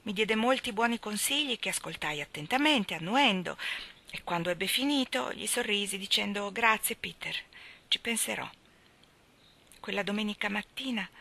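A woman reading a novel aloud in first person, slow and deliberate, with soft whispered passages. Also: medium pitch. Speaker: reader.

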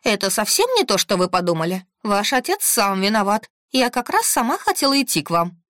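Narrator voicing a fiery cook woman for a storybook, shrill, rapid and indignant, dry close sound. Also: sing-song, a bit bright, dry recording.

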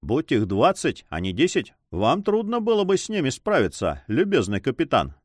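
A man's voice: medium pitch, wildly swooping pitch, moderate pace, no room sound, clean studio sound, voice pushed up. A man voicing a stern, contemptuous Spanish landowner in an audiobook.

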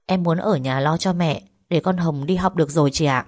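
Teen little sister, sulky and discouraged, low voice; woman reads her. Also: fairly quick, darkish tone. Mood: dejected. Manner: complaining, dejected.

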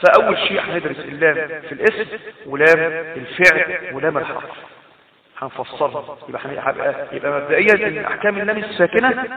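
A man's voice: on the high side, fast talker. A man with an Egyptian accent teaching Quran recitation rules in a recorded lesson. He explains step by step, repeats his points and asks rhetorical questions. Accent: Egyptian Arabic. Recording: tinny phone-like sound, roomy and distant from the mic.

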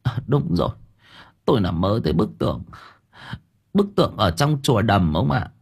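A man's voice: lowish voice, sing-song, moderate pace, gravelly, darkish tone, slightly rough, exaggerated voice. A man voicing a frightened older village wife who stammers and trembles as she speaks in an audio story. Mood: terrified stammering.

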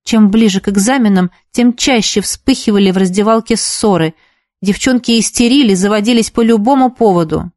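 A woman narrating an audiobook in a steady, even reading manner. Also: medium pitch, fairly quick, no room sound, clean studio sound.

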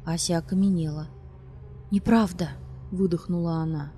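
A woman reading a novel aloud as an audiobook, expressive and acting out the dialogue. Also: mid-range voice, normal speed, faint music behind. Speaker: audiobook narrator.

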